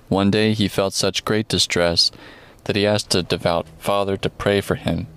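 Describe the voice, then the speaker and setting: A man narrating an audiobook in a very deep voice with little rise and fall. His tone is smooth and resonant, and the reading stays measured and solemn. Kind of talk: scripted narration.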